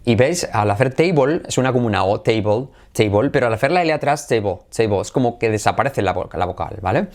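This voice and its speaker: A man leads an animated pronunciation lesson. His voice sits at an ordinary middle pitch but swings widely up and down as he drills words over and over and slips into snatches of song. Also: quick pace, hardly any pauses. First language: Spanish. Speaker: English pronunciation teacher. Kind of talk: energetic spoken lesson.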